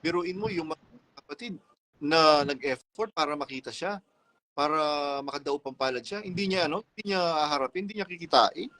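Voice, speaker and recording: A man who is a guest on a casual livestream, speaking emphatically and pushing out loud indignant questions. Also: on the high side, sing-song, fairly quick.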